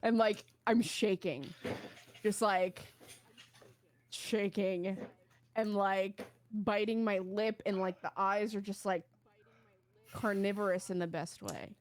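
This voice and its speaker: A woman's voice: mid-range voice, steady tone, slow, pauses often. A woman playing a tabletop role-playing game, casual and filler-heavy, saying "like" constantly. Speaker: player.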